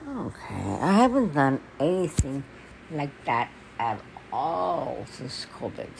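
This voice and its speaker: A woman with toothless, gummy articulation, as if gumming soft food, rambling in a halting, repetitive, confiding monologue. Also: extremely low pitch, very animated, vocal fry, a little hiss or hum, low-quality recording. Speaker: personal podcaster. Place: at home.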